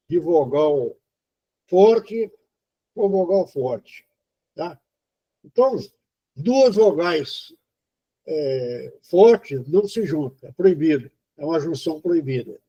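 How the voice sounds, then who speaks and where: A man from Brazil giving an informal spoken lesson on poetry, halting and explanatory, with many fillers and restarts. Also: sits high, dark tone, breathy edge. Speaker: poetry teacher. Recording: dull lo-fi recording.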